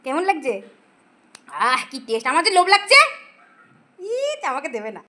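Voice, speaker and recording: A woman's voice: high-pitched, wildly swooping pitch, unhurried, a bit bright, a little hiss or hum. A young woman coaxing a small child in sing-song baby talk, repeating her words over and over. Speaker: caretaker feeding a small child. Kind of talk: casual home video chat.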